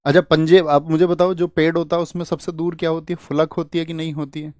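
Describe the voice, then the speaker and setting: Talking fast in a level, slightly mellow voice on the high side, a young man leads an online test-prep class. The recording is dry. He quizzes students, answers his own questions, and repeats key terms as memory aids.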